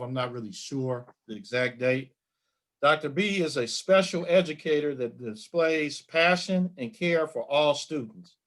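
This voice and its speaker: A middle-aged man hosting a community podcast interview, speaking in a measured, formal way. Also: on the high side, a bit bright. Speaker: podcast host.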